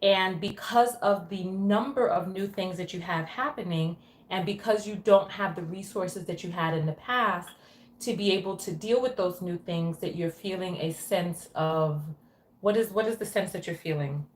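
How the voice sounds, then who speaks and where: A woman's voice: on the low side, normal speed. Echoey female live coach and host. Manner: guiding, reflects back and checks in with questions. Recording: echoey, roomy sound.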